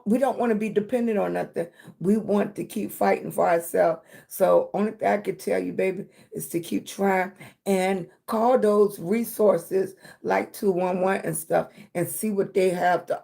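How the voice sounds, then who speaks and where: This American woman speaks in a warm, gravelly mid-range voice, unhurried and with fairly even intonation. Hosting a motivational livestream chat as a content creator, she's emphatic, affectionate, and encouraging, frequently checking in and calling viewers baby or sweetie.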